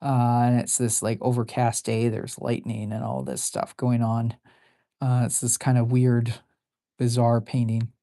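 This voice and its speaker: Very low-voiced woman chatting while drawing. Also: level tone, measured pace, mellow, no room sound, clean studio sound. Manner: rambling and self-deprecating, with many fillers. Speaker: artist drawing on a live stream. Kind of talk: casual chat while drawing.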